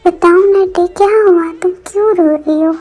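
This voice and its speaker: A woman's voice: very high-pitched, normal speed, darkish tone, soft background music. A woman doing a coaxing, caring mother. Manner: coaxing, affectionate. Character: caring middle-aged mother, soothing.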